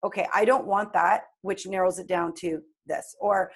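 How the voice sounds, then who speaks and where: Brief: woman, late forties, coach telling her story, earnest and reflective, mid-pitched voice. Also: fairly even intonation, moderate pace, slightly rough. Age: 40s. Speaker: guest coach. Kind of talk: casual interview chat.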